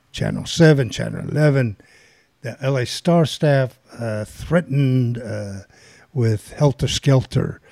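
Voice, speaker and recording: A man's voice: mid-range voice, creaky, warm tone, no room sound. An older man casually telling a long, rambling anecdote as a guest, with many fillers and restarts. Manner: rambling, filler-heavy storytelling. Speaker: guest storyteller.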